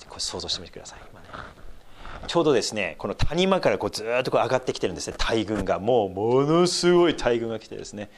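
A male pastor preaching in a church, reading scripture aloud and breaking into animated, lively asides. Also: mid-range voice, slight background noise.

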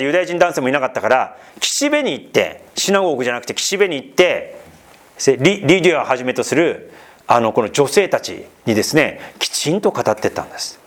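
A man preaching an expository Bible sermon, talking to his listeners with questions and asides. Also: a little high. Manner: lively, rising and falling delivery with asides to listeners. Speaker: pastor.

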